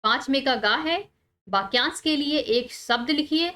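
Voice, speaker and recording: Woman teacher talking through schoolwork. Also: sits high. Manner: steady explanatory, pauses on key words. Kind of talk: explaining textbook answers.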